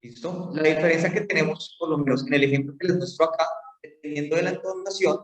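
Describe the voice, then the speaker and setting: A man's voice: on the high side, steady tone, fast talker. A man giving a phonetics lecture, explaining step by step with fillers and check-in questions. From Colombia. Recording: roomy hall, mic far off.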